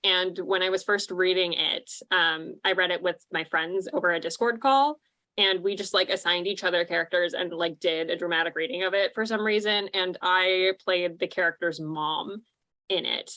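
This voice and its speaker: A woman's voice: fairly low pitch, steady tone, normal speed, sharp tone. A woman, a musical theatre actor, chatting casually on a cast panel and giggling often between her thoughts. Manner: chatty and giggly, with many fillers. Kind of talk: casual chat.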